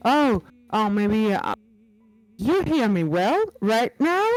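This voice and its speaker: A woman's voice: fairly high pitch, very animated, slow, no echo, soft background music, rough recording. A woman on an online call whose mic keeps cutting out, sounding puzzled and asking what words mean. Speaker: call-in guest. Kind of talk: casual chat. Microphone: remote call microphone.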